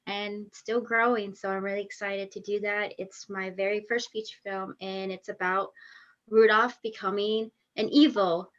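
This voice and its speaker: A woman actress and filmmaker answering interview questions over a video call, eager but halting, with frequent fillers. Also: mid-range voice, little pitch movement, dull audio.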